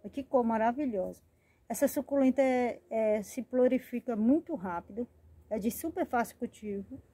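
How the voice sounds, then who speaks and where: A woman's voice: on the high side, dark tone, breathy edge, no echo. A woman hosting a casual gardening vlog, chatting affectionately as she names and shows each of her plants. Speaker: plant channel host.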